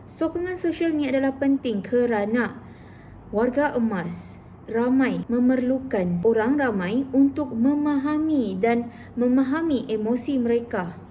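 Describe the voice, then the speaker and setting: Woman therapist, relaxed vlog host, a touch high-pitched, acts out little examples. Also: unhurried, slight background noise. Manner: chatty, explains through acted-out examples. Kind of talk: informal educational vlog talk.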